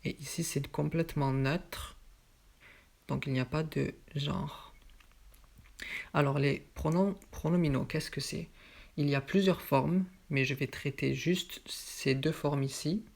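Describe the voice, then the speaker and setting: A teacher giving a French grammar lesson, slowly drilling example sentences one by one. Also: mid-range voice, vocal fry, a little mellow. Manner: slow, patient drilling of examples.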